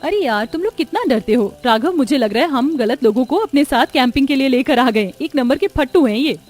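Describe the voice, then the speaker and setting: A woman voicing a frightened young woman camping with friends in a cartoon, excitable and anxious. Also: high-pitched, brisk, faint music behind. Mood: chatty. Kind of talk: cartoon voice acting.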